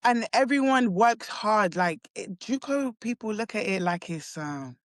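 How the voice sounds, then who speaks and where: A young woman from London, a college basketball player, chats as a guest in a casual interview, speaking hesitantly with lots of "likes" and restarts. Her medium-pitched voice has lively intonation and a measured pace, recorded at studio quality with no room sound.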